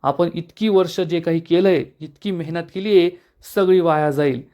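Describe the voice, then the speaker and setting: A man voicing a sharp-tongued, scheming middle-aged aunt who snaps irritably. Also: fairly high pitch, normal speed, lo-fi sound, close to an everyday voice. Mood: irritated.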